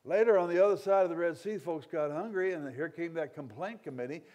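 Man preaching at a revival, kinda high voice, jokey storytelling, gets loud then drops quiet. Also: brisk, muffled recording. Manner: folksy storytelling with humorous asides, acting out the complaining crowds; dynamic, swinging from loud outbursts to quiet asides. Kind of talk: revival sermon.

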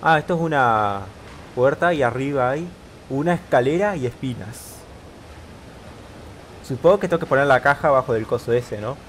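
A man giving casual let's-play commentary, thinking aloud about puzzles and repeating words in quick bursts when rushed. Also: mid-range voice, animated, slight background noise. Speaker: gameplay commentator.

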